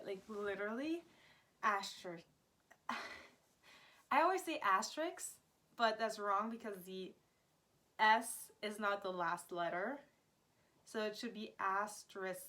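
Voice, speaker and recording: A woman's voice: mid-range voice, a bit bright. A young American woman from Florida chatting casually to camera as a vlogger, giggling often and filling her talk with "like". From Florida, United States. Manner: giggly, laughs often, chatty with many "like" fillers. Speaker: language vlogger.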